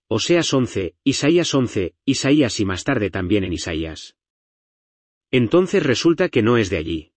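A man from the United States gives a Bible lecture in a husky voice that rises and falls with lively pitch. He talks in a conversational, explanatory way, full of asides. The sound is dry and close, with no room echo. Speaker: Bible teacher.

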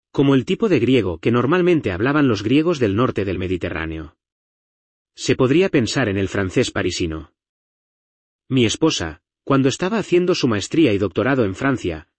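A man's voice: mid-range voice, husky, no room sound. A man from the United States teaching a Bible lesson in an explanatory, conversational way with frequent asides. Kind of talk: lecture.

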